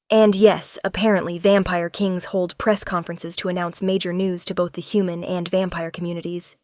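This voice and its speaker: Woman, romance narrator, scripted storytelling, flat even delivery, dry close mic. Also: on the low side, dry recording.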